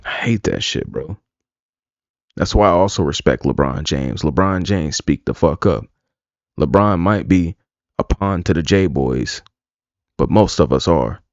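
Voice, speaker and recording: A man's voice: low-pitched, lively intonation, a little slow, no echo. A man streaming live, talking casually, rambling and bluntly profane. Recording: dull lo-fi dry sound.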